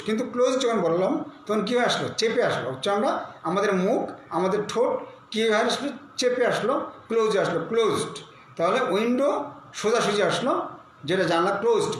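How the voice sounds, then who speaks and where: A man from Bangladesh gives an online English lesson in a high, light voice. He explains patiently and spells words out letter by letter. The recording rings with heavy room echo over a faint hiss. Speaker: English teacher.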